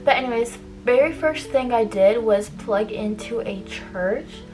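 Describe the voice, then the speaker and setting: Chatting while she gets ready and does her makeup, this young adult beauty vlogger hands out college advice casually, often saying "like" and drifting into trailing asides. She speaks unhurriedly in a slightly high voice, with music in the background and rough recording quality.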